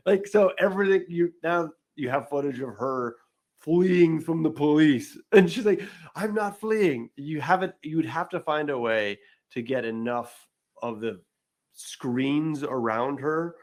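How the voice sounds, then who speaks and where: A man's voice: a little high, unhurried, darkish tone. A man hosting a casual chat, brainstorming a film story in a rambling way and acting out quoted lines. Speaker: podcast host.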